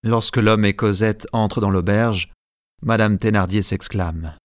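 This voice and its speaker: A man narrating an audiobook in a calm, measured reading style, recorded close on a studio mic. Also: lowish voice.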